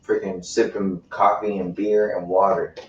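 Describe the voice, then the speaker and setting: A young man chats easily on a podcast, full of slang, in a fairly low voice. He sits away from the mic in a reverberant room, and the sound is dull and lo-fi with a faint hiss. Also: level tone, normal speed, darkish tone, far from the mic. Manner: easygoing, slangy. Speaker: podcast co-host. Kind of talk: casual chat.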